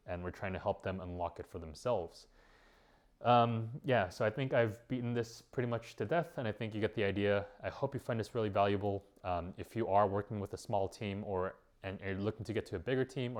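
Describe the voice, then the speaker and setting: A man's voice: on the low side, a little mellow. A man giving casual vlog advice as a business owner, rambling with many fillers and restarts.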